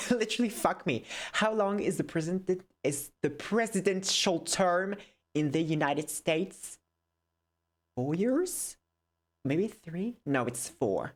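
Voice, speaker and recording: Low, slow woman muttering through a quiz. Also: lively intonation. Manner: mutters to herself, swears, switches between French and English. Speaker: content creator. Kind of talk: casual quiz play, thinking aloud.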